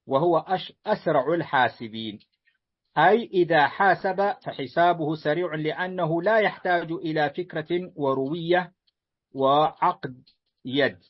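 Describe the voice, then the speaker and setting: Male student reader, fairly high voice, measured classical text reading for his teacher, deferential, lo-fi recording. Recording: dull lo-fi recording.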